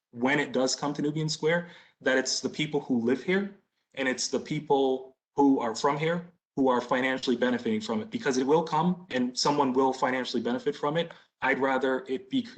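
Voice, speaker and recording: A man in his thirties from Boston, a business owner answering a caller's question at a community meeting in a measured, conversational way. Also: mid-range voice, rough recording. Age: 30s. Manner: conversational, measured, with many fillers. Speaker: business owner presenting a proposal.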